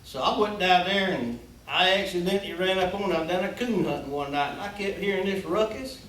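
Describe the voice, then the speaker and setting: A man's voice: sits high, fairly quick, fairly bright tone. A man hosting in a folksy, easygoing way, talking casually with plenty of hesitant fillers. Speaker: host. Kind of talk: casual talk and storytelling. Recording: echoey room, distant mic, faint hiss.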